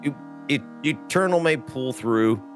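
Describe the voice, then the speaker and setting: A man's voice: mid-range voice, animated, measured pace, soft background music. A man hosting a casual gaming stream, rambling and laughing as he chats. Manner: rambling, laughs often, drawling asides. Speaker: stream host.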